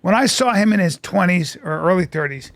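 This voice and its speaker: A man's voice: sits high, lively intonation, brisk, vocal fry, fairly bright tone, no echo. A man hosting a casual chat, repeating himself for emphasis as he goes. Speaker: show host.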